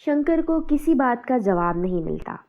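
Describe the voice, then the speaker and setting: A woman narrating a scripted cartoon moral story in an even storytelling voice. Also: fairly high pitch, moderate pace. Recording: dull, muffled sound.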